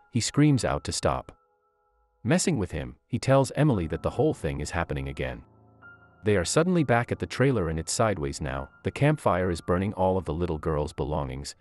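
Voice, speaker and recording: A man reads a scripted recap of a movie, narrating the plot in a steady, storytelling manner. His voice is very low yet rises and falls a great deal. Soft music plays faintly beneath him.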